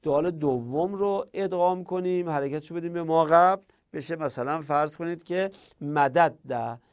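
Male teacher, slightly higher pitch, patient explainer who repeats forms and debates imagined objections. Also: smooth. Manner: explains with rhetorical back-and-forth, repeats word forms. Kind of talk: grammar lesson.

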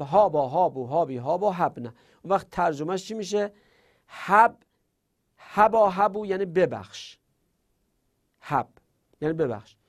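A middle-aged man teaching Arabic grammar in a classroom lesson, drilling verb conjugations and trailing off quietly at the ends of lines. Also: high-pitched.

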